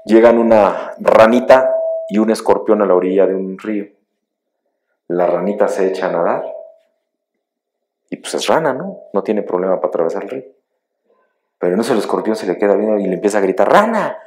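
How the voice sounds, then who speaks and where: A middle-aged man, a pastor, preaching a sermon with emphatic storytelling that swings between loud rises and quiet drops. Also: on the low side, a little fast, pauses often.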